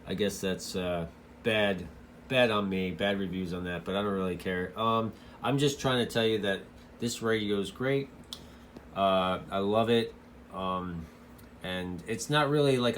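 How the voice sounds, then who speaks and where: A man with a voice on the low side gives a casual, rambling product walkthrough as a radio hobbyist reviewer, explaining things loosely and informally. There is slight background noise.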